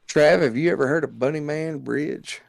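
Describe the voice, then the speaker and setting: A man's voice: fairly high pitch, normal speed, gravelly, no echo, clean studio sound. Loose, profane man chatting. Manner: loose and profane, reads legends aloud. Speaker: livestream co-host. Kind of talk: casual livestream chat.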